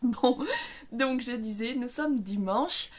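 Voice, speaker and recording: A woman chats casually about her reading in a vlog, her voice sitting a little high for a woman. She talks with her hands and fills her sentences with hesitations and restarts. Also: slow. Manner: hesitant, many fillers and restarts. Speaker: book vlogger. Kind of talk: casual chat. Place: outdoor terrace.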